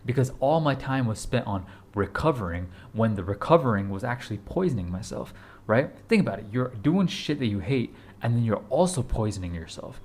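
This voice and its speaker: Brisk and a little mellow, a man in his 20s with a medium pitch and big pitch swings gives a motivational talk to the camera. The fitness vlogger is casual but urgent, repeats himself, speaks bluntly, and swears casually.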